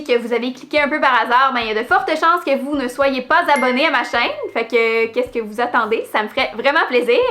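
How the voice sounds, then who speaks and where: Woman host with a Quebec French accent, high-pitched and chatty, easy laughs. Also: a bit bright. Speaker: YouTube host. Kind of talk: casual vlog talk to camera.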